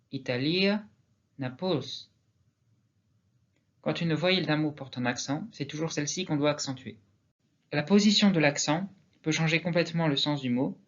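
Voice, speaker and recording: A man with a fairly high voice talks through a scripted pronunciation lesson in a clear, methodical way. He pauses to sound out example words one at a time. The recording is dull and lo-fi. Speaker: language teacher.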